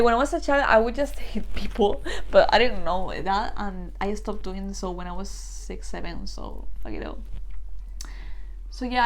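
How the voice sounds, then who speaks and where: A young woman in her twenties hosts her own casual vlog, talking in a loose, rambling way. She sounds nervous, restarts sentences often and swears freely, at a middle pitch. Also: rough recording. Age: 20s. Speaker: channel host.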